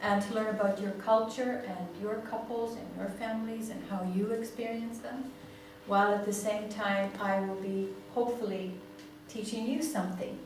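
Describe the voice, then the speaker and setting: A Greek woman in her sixties, a native speaker with a Greek accent, leads a family therapy seminar in a hall, lecturing with lots of "um"s and checking in with "yeah?". Her mid-range voice holds a steady tone at normal speed with hardly any pauses. The recording comes from far off the mic in a very echoey, noisy seminar room.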